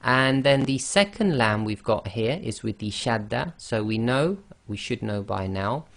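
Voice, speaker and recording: A man teaching a slide-based online lesson, explaining slowly and carefully and often checking in with "okay". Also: mid-range voice, creaky. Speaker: Quran recitation teacher.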